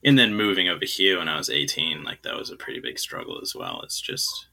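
A man's voice: a bass voice, huge pitch swings, brisk, vocal fry, bright, forceful tone. A young man from New Zealand who grew up in China, a guest musician chatting casually in an interview, hesitant and rambling with many fillers. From New Zealand, raised in China.

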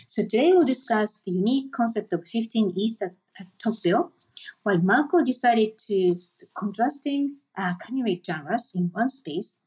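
A woman hosts an interview podcast with a soft, breathy voice at a middle pitch. She reads her introduction steadily from a script and then moves on to short, friendly questions for her guest. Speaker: podcast host.

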